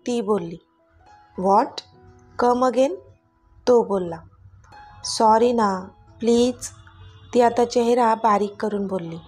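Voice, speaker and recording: A woman narrating a romantic story in a gentle, even storytelling manner. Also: on the high side, slightly rough.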